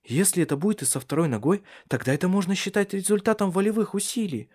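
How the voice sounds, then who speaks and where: A man's voice: high voice, fast talker, a little mellow, voice pushed up. A man voicing an anxious, insistent young wife in an audiobook, pleading with pressing questions. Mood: eager. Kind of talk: audiobook character reading.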